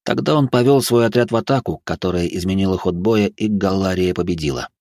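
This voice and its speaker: Deep-voiced male audiobook narrator. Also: a little fast, darkish tone, no room sound, studio quality.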